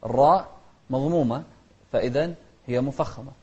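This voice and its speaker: A man teaching Quran recitation, who chants verses slowly and melodically and breaks off into rapid, quiet spoken explanations. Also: mid-range voice, slightly rough, dull audio. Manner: alternates slow melodic chanting with rapid soft corrective asides.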